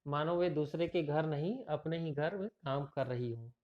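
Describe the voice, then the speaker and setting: A man's voice: on the high side, normal speed. A male teacher reading a story aloud and explaining it, with frequent fillers and restarts. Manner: rambling with repeated fillers. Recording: dull lo-fi recording.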